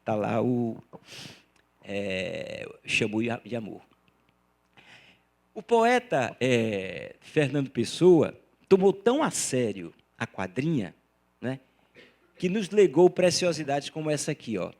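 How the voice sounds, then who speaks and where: Animated man explaining verse. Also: medium pitch, slow pace, creaky, pauses often. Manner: animated, reciting and chanting folk verses, frequent tag questions. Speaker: arts educator. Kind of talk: explanatory talk to educators.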